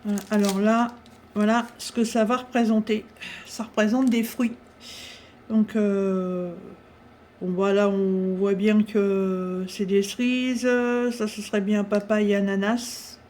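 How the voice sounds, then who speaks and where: A woman chatting casually through a craft-supply haul, talking with many pauses and fillers. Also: mid-range voice, steady tone, mellow, a little hiss or hum.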